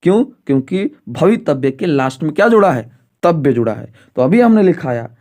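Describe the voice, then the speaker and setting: A male Sanskrit teacher in an exam-prep lesson, who asks himself questions, checks in often, and slows down to spell out word forms. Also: on the high side, big pitch swings, darkish tone. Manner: repeats rhetorical questions and "ठीक है" to check understanding.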